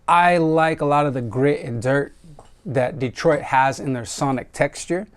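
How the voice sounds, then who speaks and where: American man, casual music review monologue, smooth resonant voice, laid-back, fillers and swearing. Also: on the high side, measured pace. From United States. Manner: relaxed, reflective, with frequent fillers and profanity.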